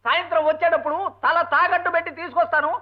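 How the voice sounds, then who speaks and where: An actor playing a grumbling, henpecked husband and lecturer who mutters sarcastic insults and shouts for silence. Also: male voice, very high voice, steady tone, rapid-fire. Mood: exasperated. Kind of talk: 1980s film comedy dialogue. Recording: dull lo-fi old film soundtrack.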